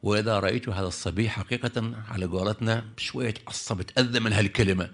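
Man, preacher, bright forceful tone, impassioned sermon, soft to loud swings. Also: on the low side, fairly even intonation. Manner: impassioned, swings from soft to loud, slows to stress poetry and verses. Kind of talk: religious sermon with storytelling.

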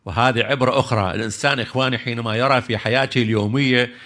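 A man preaching a religious sermon and telling stories, moving between soft asides and loud, slowed emphasis. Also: medium pitch, steady tone. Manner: impassioned, swings from soft to loud, slows to stress poetry and verses.

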